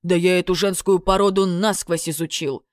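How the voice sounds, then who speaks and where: A woman's voice: fairly low pitch, fairly even intonation, moderate pace, no room sound, clean studio sound, natural voice. A woman voicing the silly, touchy first head of a two-headed male serpent. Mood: offended.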